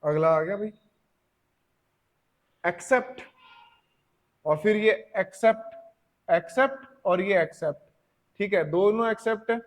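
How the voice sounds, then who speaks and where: A man with an Indian accent teaching English vocabulary, explaining in Hindi, reading English examples slowly and asking his students rhetorical questions. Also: high voice. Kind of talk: classroom lesson. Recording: long reverb, echoey classroom.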